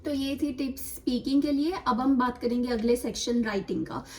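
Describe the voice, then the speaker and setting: A woman's voice: sits high, fairly quick, darkish tone, far from the mic. A young woman giving chatty exam tips, switching between Hindi and English as she talks. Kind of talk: casual instructional talk.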